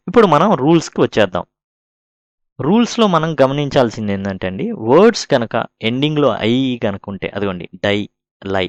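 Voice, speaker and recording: A man's voice: medium pitch, smooth, no echo. Patient male teacher. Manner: patient, repeats and spells out words, asks questions then answers them. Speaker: English teacher. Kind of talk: explaining grammar in a recorded lesson.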